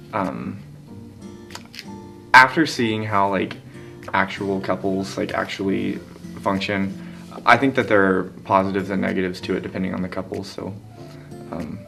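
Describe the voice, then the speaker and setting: A man's voice: sits low, steady tone, moderate pace, vocal fry, bright, forceful tone, soft background music. A young American man answering interview questions casually, with lots of "like" fillers. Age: young adult. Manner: casual, filler-heavy with frequent "like".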